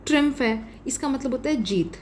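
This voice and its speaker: A woman's voice: high voice, animated, brisk, a little mellow, a little hiss or hum. A young adult woman with an Indian English accent teaching exam vocabulary in a casual lesson, explaining each word with examples and checking in with the listener. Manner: explains vocabulary with examples, frequent "ठीक है" fillers.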